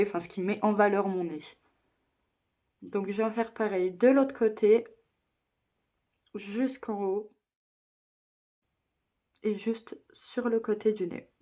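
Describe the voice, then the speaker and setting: With a medium-pitched, warm voice, a young woman talks her way through a makeup tutorial. The beauty vlogger explains each step and cracks self-deprecating jokes.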